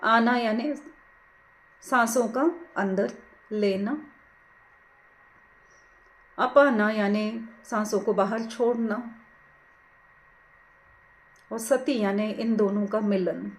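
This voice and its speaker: A middle-aged woman leading a guided meditation, giving slow, gentle instructions with English words mixed into her speech. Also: mid-range voice, fairly even intonation.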